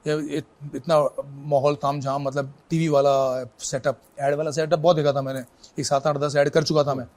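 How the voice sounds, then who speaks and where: A middle-aged man, an actor as an interview guest, telling anecdotes in a casual, lively way and slipping English phrases in. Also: a little high, normal speed.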